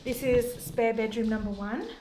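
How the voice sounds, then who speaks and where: A young woman gives a chatty house tour, voice pitched a little high. Her words ring and echo around bare, empty indoor rooms, with a faint hiss under the phone recording. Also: fairly even intonation, moderate pace. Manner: chatty, full of "like" fillers. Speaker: vlogger. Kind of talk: casual house tour chat. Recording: echoey bare room, faint noise.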